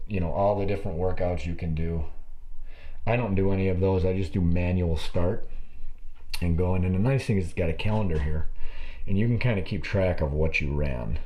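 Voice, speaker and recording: A man's voice: low-pitched, mellow. A man vlogging a casual, informal product walkthrough, improvising loosely as he talks into a handheld camera indoors. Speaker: vlogger reviewing a treadmill. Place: small dim room at home, indoors. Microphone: handheld camera's own microphone.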